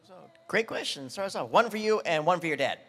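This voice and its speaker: A man's voice: high-pitched, expressive, fast, a bit bright. A male moderator running an audience Q&A at a convention, upbeat and joking. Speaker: panel moderator. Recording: echoey convention hall.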